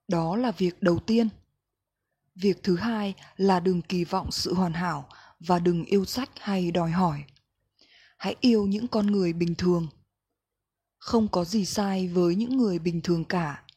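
A woman reading a reflective book passage aloud in a slow, gentle, measured way. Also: lowish voice, breathy edge. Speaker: book reader.

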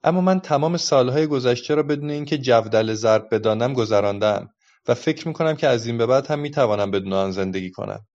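A man voicing a cheeky, quick-witted little girl who talks playfully, in a dull lo-fi recording. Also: mid-range voice, darkish tone, close to an everyday voice.

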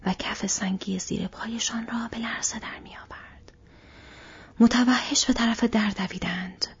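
A woman tells a fantasy story in whispered role-play, her husky, breathy whisper steady throughout. The recording sounds dull and lo-fi, with a voice of middling pitch. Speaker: audiobook narrator.

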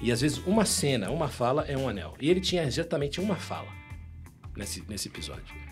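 A Brazilian voice actor and dubbing director chatting casually in an interview, telling animated stories. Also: male voice, medium pitch, brisk, soft background music. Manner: animated storyteller, acts out quotes. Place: home recording in the United States.

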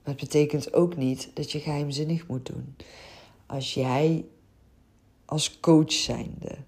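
Slow, low-voiced Dutch podcast woman. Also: steady tone, mellow. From Netherlands. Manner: earnest, open, with frequent hesitations. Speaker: podcast host and childcare coach. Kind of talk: reflective podcast monologue.

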